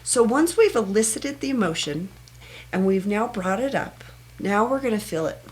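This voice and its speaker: Soft-spoken woman teaching a meditation technique. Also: mid-range voice, expressive, moderate pace. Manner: soft, earnest, speaks in short repeated phrases. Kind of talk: gentle guided self-help instruction.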